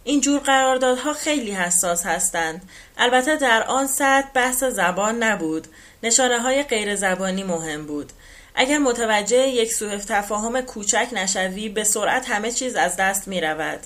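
A woman reading the part of an older man who calmly and reflectively recounts his past in a novel. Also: on the high side.

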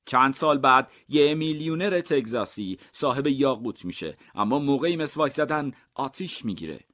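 A man reads out short comic mystery tales. His voice sits at a medium pitch. His manner is dry and deadpan, telling each twist evenly. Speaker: narrator. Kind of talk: comic mystery story reading.

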